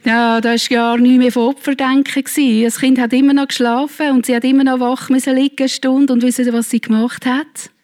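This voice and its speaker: A woman's voice: high-pitched, little pitch movement, fairly quick, hardly any pauses, a little mellow. A middle-aged woman preaching a sermon, speaking earnestly and directly to her congregation.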